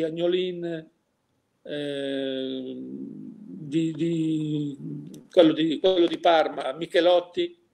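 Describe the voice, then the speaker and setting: Older man, interviewee, slightly high voice, opinionated, faint noise behind. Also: creaky, a little mellow. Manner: opinionated, rhetorical questions, frequent restarts. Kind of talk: casual interview.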